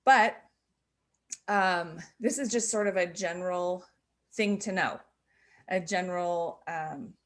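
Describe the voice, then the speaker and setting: A middle-aged woman teaching a lesson, explaining patiently with fillers and self-corrections. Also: on the low side. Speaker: sign language teacher. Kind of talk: instructional explanation.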